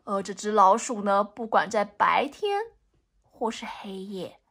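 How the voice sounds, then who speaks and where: A mother reading a picture book aloud to her child, animated and teacherly, often asking questions. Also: medium pitch, unhurried, husky.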